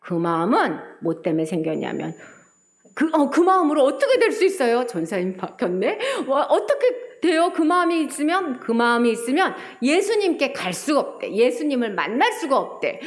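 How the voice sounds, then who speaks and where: A young woman giving an animated children's sermon, sing-song and exaggerated, asking the children questions and acting out voices. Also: sits high, normal speed. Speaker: children's ministry preacher.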